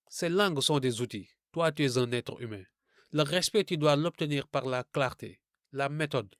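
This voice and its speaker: A man's voice: mid-range voice, a bit bright, dry recording. Earnest man delivering a dry, scripted lesson. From francophone Africa. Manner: didactic, rhetorical, addresses the listener directly. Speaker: video essayist. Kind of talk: scripted commentary to camera.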